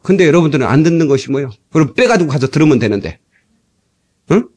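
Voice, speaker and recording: Fiery, animated male preacher. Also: fairly high pitch, quick pace. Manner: emphatic, shouting exhortations, acting out voices, bursts of laughter. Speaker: pastor. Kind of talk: fiery sermon. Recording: old cassette tape transfer.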